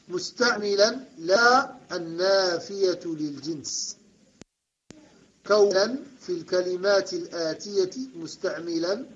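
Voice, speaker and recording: A man's voice: high voice, fairly bright tone, dull audio. A man teaching an Arabic grammar class, repeating and correcting students' answers and approving them with a short word of praise.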